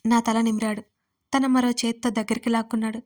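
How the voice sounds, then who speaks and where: Woman reading a romance story, flat and high-pitched. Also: brisk. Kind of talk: first-person scripted story narration.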